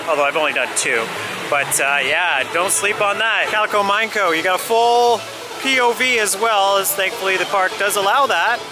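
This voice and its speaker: A man giving casual, enthusiastic vlog commentary while visiting an amusement park. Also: high-pitched. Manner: chatty, enthusiastic. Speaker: vlogger. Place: amusement park, outdoors and tower cabin. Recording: loud crowd and ambient park noise.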